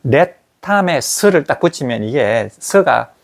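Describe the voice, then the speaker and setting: Male English teacher, husky and gravelly, lively pitch, drills pronunciation with slow repetition. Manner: repeats English words slowly to model pronunciation. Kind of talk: classroom grammar lecture.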